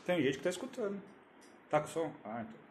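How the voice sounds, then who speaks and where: A man's voice: a little high, very animated, fast. A man hosting a casual live stream from his phone, greeting viewers and checking the sound. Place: room with air conditioning. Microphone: phone camera. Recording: roomy phone recording with faint room noise. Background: air conditioner hum.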